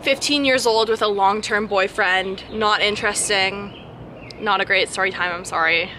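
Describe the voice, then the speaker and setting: A woman's voice: medium pitch, moderate pace, bright, forceful tone, slight background noise. A young adult woman chatting casually and frankly in a slangy way, answering questions as a vlogger outdoors in a backyard.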